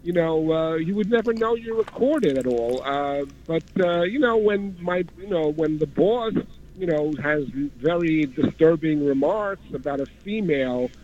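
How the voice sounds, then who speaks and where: A man calling in to a radio show by phone, telling a personal account in a halting, hesitant way. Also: on the high side, animated, darkish tone. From Queens, New York. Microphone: telephone. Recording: dull, band-limited phone line.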